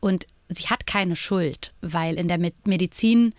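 A woman's voice: on the low side, unhurried, dry recording, clean studio sound. A woman in her thirties, a podcast guest, talking openly and reflectively about her own life, often adding tag questions. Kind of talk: candid personal interview talk.

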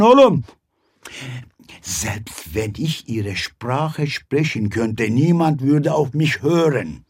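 A man's voice: medium pitch, breathy edge. An actor playing a weary, proud immigrant father who scolds his son in a bitter, pleading way, in an audio drama.

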